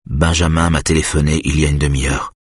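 A desperate father, urgent and anxious as he questions his son, as a man reading an audiobook puts him on. The voice is very low and husky, close and dry. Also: little pitch movement, fast, no echo. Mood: tense. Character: desperate middle-aged father on the phone. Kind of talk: audiobook character voice.

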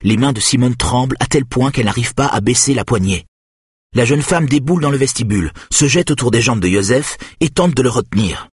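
A man reading a thriller as an audiobook narrator in a steady, measured way. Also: medium pitch, slightly rough, dry recording, clean studio sound.

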